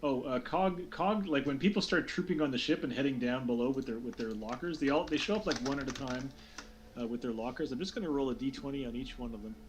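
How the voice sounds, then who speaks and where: A man's voice: mid-range voice, fast talker, slight background noise. A man narrating a tabletop fantasy game as game master, talking loosely with many fillers and restarts.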